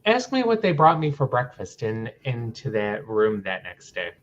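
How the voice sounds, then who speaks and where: A middle-aged man telling his story as a guest on a livestream interview, animated and acting out the people in it. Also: medium pitch, moderate pace, muffled recording, a little hiss or hum.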